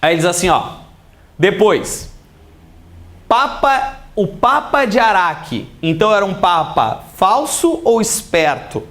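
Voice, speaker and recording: Brazilian guy teaching a grammar class, talks high and bouncy. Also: takes it slowly. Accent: Brazilian Portuguese. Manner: animated, explains by asking and answering questions. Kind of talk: exam-prep lesson.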